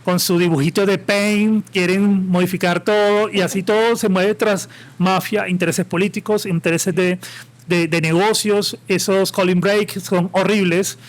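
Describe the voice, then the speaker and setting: A man's voice: sits high, fairly even intonation, a little slow. A man with a Colombian Caribbean coast accent, talking as a guest on a live podcast in an impassioned, opinionated, rambling way. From Colombia, Caribbean coast (Santa Marta). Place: live podcast event with audience.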